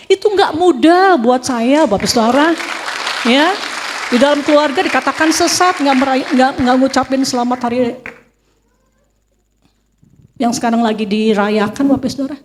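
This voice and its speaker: Brief: middle-aged woman, high voice, emotional testimony in a reverberant church hall. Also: normal speed, long pauses, a little hiss or hum. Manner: emotional, animated storytelling with acted quotes. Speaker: church member giving testimony.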